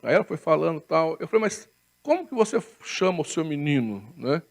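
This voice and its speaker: Gravelly high-voiced Brazilian pastor preaching. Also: male voice, sing-song, a little fast. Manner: conversational preaching, frequent tag questions, laughs at own stories. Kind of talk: sermon. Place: church.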